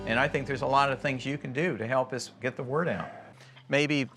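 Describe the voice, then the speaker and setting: A man's voice: medium pitch, steady tone, a little fast. A man, an association president speaking conversationally. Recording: music behind the voice.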